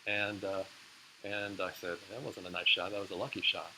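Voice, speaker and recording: A man's voice: sits low, flat delivery, moderate pace, bright, forceful tone, rough recording. Storytelling male professor, hissy recording. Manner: chatty storytelling with fillers. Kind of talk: casual closing lecture story. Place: lecture hall.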